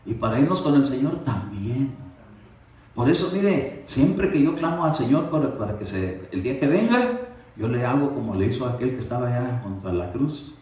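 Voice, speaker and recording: A man's voice: mid-range voice, moderate pace. A man preaching a sermon, telling a story and voicing the people in it. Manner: animated storytelling, acting out dialogue in his story. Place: church. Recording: echoey room picked up from a distance.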